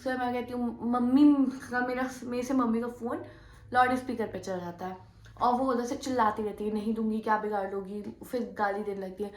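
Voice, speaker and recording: A woman's voice: fairly high pitch, normal speed. A young woman vlogger casually recounting a story, acting out the quoted arguments as she goes. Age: young adult. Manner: animated retelling, acts out quoted arguments. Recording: echoey room.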